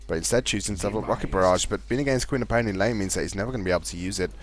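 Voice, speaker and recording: A man casting a live video game match, fast play-by-play with a fairly steady delivery. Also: on the low side, over music. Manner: fast, chatty play-by-play talking to co-caster; calls his own voice monotone. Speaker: esports caster.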